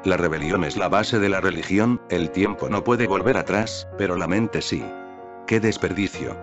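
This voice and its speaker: A man reading a spiritual text aloud in a calm, measured voice-over. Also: deep voice. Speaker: narrator. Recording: dull lo-fi voice-over with faint music.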